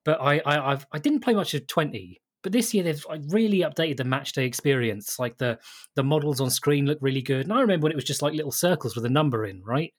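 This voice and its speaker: A man's voice: a little high, quick pace, breathy edge. A man from England chatting casually on a podcast, rambling with lots of fillers and frequent laughs. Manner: rambling, laughs often, many fillers and restarts. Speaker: podcast co-host. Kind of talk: casual chat.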